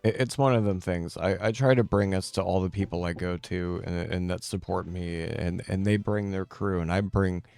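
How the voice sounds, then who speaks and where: A man chatting casually as a game streamer, answering viewers' questions in a laid-back, rambling and halting way. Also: deep voice, steady tone, gravelly, a little mellow, dry recording, soft background music.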